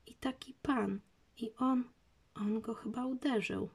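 A woman voicing a small, curious, easily frightened girl in a children's audiobook, speaking in a high, breathless child's voice. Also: expressive, measured pace, creaky, darkish tone, full character voice.

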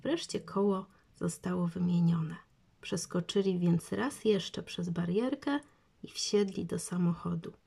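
A woman narrates a children's storybook at a very slow, measured pace. Her voice sits low, with a gravelly fry running through it. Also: warm tone.

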